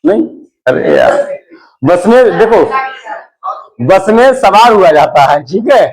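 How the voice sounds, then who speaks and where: A man's voice: high-pitched, very animated, takes it slowly, low-quality recording. A male English grammar teacher giving a classroom lesson, explaining step by step and often checking that his students follow.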